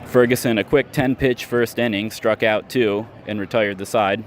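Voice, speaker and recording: This is live play-by-play from an outdoor ballpark, delivered by a man on radio who narrates the baseball action in short, clipped phrases. He has a lowish, steady voice at normal speed, with a little hiss or hum on the recording.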